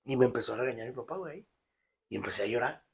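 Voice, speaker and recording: A man's voice: animated, rapid-fire, vocal fry. Slangy Mexican man telling a story. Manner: emphatic storytelling, slangy, drops pitch for asides. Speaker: podcast co-host. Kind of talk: casual podcast conversation.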